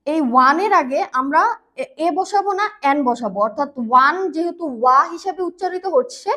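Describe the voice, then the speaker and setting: A woman teaching English grammar in a patient, repetitive way, slowing down on key words and using fillers. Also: high voice, lively intonation, pushed and bright. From Bangladesh. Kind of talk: grammar lesson explanation.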